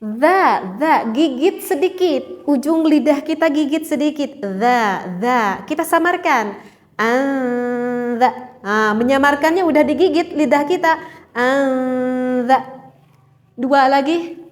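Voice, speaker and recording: Woman teacher, high voice, unhurried; patient recitation lesson, drills sounds by repetition. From Indonesia. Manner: slow, patient, demonstrates sounds by repeating them. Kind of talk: tajweed lesson for home learners.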